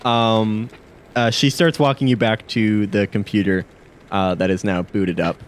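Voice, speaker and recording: A man's voice: fairly low pitch, steady tone, unhurried, a little hiss or hum. A man narrating a tabletop game as game master, hesitant, with many fillers and restarts.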